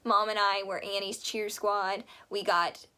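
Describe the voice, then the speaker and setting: A woman's voice: mid-range voice, level tone, measured pace, sharp tone, smooth. A young woman hosting a casual advice vlog, chatty and enthusiastic, rambling into asides, her voice a bit worn as she says she is losing it. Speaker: vlog host.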